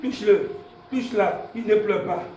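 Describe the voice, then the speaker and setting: High-voiced man preaching with shouts. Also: normal speed, highs cut off. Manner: often shouts, repeats phrases, cries out alleluia. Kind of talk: fervent sermon with call-and-response. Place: church hall with congregation. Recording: echoey hall from far off, crowd and noise.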